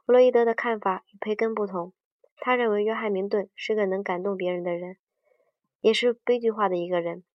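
A woman's voice: mid-range voice, steady tone, fairly quick, no room sound. A woman reading a book aloud, often stumbling, restarting and correcting herself mid-sentence. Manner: hesitant reading with frequent restarts and self-corrections. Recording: dull distant dry sound.

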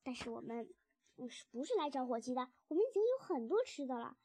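A woman reading a sly, smooth father fox. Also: high voice, big pitch swings, quick pace, dark tone, full character voice. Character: sly, confident father fox, grown male. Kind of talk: storybook reading.

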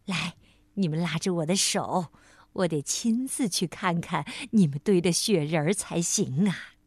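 A woman voicing a kindly, calm old grandma bear who speaks slowly and soothingly. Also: husky, dry recording. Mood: gentle, soothing. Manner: slow, soothing, low-pitched.

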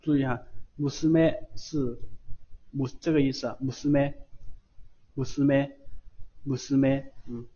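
A man's voice: medium pitch, steady tone, measured pace, long pauses, warm tone, slightly rough. Patient male language teacher, dull lo-fi recording. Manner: patient, repeats each sound several times, adds chatty 哈 and 啊. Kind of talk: online lesson, writing on screen.

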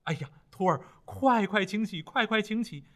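A man voicing a kindly male Buddhist monk master who speaks softly and with care. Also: sits high, lively intonation, moderate pace, voice pushed up. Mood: caring.

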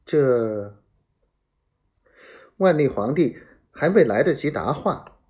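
A man reading a serialized historical novel aloud as a storyteller, dramatic and acting out sound effects in hushed whispers. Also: fairly high pitch, very animated, normal speed.

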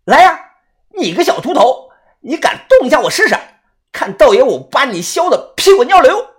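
A man voicing a cocky, hot-tempered young Taoist man who swaggers, curses and shouts. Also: extremely high pitch, very animated, normal speed, pitched above the performer's own voice. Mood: defiant.

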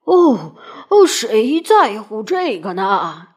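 Woman as plump puffing doctor for a storybook reading, deep and very slow, greedy and breathless. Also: a bit bright. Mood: wheezy, greedy. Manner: puffing, drawn-out, with grunting fillers.

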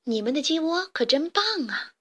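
A wide-eyed little boy chick, brave and full of questions, as a woman reading aloud puts him on. His voice rides a bit high for a storybook hero. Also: animated, normal speed, pushed and bright. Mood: curious. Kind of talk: storybook character voice.

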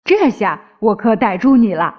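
A woman's voice: mid-range voice, big pitch swings, moderate pace. Woman voicing a cocky fearless young man. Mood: triumphant. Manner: cocky, brash. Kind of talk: storybook reading. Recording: slightly dull with faint music.

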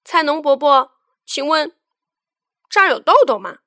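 A stubborn little boy chatters in a bright, very high voice and shouts his questions eagerly, as a woman narrator acts him out. The sound is close and dry, like a bedtime storybook recording. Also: a little slow, no room sound, heavily acted. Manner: high, loud, excited calling.

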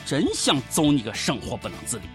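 A man's voice: medium pitch, wildly swooping pitch, fairly quick, over music. A man with a Shaanxi accent giving comic news commentary in a mocking, colloquial, sarcastic way. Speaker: host of a satirical news show.

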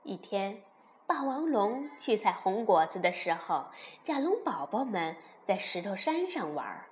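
A woman reading a children's bedtime story aloud in a slow, expressive storybook manner. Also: mid-range voice, a little hiss or hum.

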